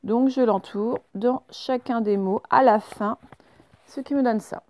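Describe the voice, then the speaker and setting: A woman teaches young children to read, speaking slowly and carefully as she spells out each sound. Her voice sits a little high, and the recording is dry and close, with no room sound. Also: a little mellow, no echo. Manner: slow, clear, instructive, spelling out sounds. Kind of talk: remote reading lesson for young children.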